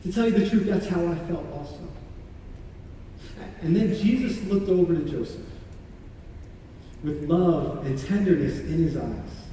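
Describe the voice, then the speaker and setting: In a church monologue, a man plays a remorseful condemned criminal, confessing in awe with earnest, halting phrases and repeated words. His voice is high for a man, mellow, and close to an everyday voice. Captured from far off, it echoes through a large, reverberant hall over slight background noise.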